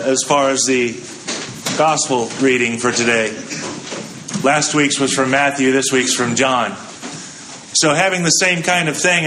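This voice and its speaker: A man's voice: mid-range voice, sharp tone, slight background noise. Man preaching a conversational sermon. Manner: conversational preaching with rhetorical questions. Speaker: pastor.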